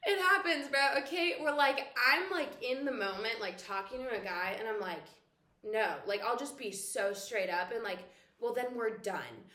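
A young woman co-hosting a casual podcast, telling stories in an animated way with lots of "like.". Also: on the high side, moderate pace, hardly any pauses. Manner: animated storytelling, heavy "like" filler. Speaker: podcast co-host. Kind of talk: casual chat. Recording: echoey room.

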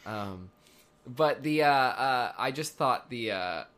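A man's voice: medium pitch, animated, fairly bright tone. Young guy cohosting a podcast, voice bounces around a lot, jokey and laughy. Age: 20s. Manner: playful, jokey, quick to laugh. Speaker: podcast co-host. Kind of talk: casual chat.

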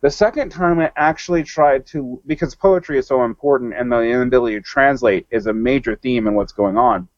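A man's voice: mid-range voice, brisk, few pauses, no room sound. Rambling man on a dull, dry line. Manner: rambling, with many restarts and self-corrections. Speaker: podcast guest. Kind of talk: casual film discussion.

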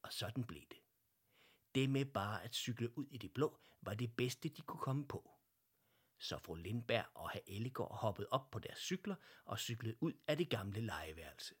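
A man narrating a children's story in a gentle, soft way. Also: mid-range voice, big pitch swings, husky.

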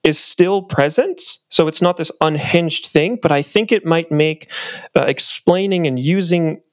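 A man's voice: on the high side, measured pace, no room sound. Man thinking aloud on a dry podcast mic. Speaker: podcast host. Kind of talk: casual podcast conversation.

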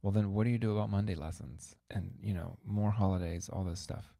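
Gravelly low-voiced man teaching. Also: fairly even intonation, fairly quick, warm tone, dry recording, clean studio sound. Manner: conversational and emphatic, repeats words for stress. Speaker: piano teacher and podcast host. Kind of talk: instructional podcast talk.

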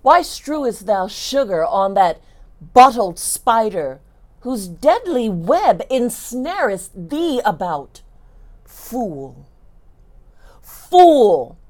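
A woman playing a bitter deposed queen who curses her enemies in declaimed classical verse. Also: fairly high pitch.

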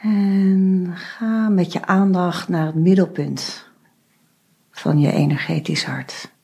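Lady leading a meditation, slow and soft, kinda husky, lowish voice. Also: steady tone. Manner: slow, soft instructions with long pauses. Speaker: meditation guide. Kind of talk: guided meditation.

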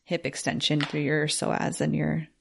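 A woman with a notably low voice describes yoga postures and her own practice in a casual podcast chat. She talks loosely, filling her sentences with "like" as she explains. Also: level tone, measured pace, vocal fry, husky. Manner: chatty, full of "like".

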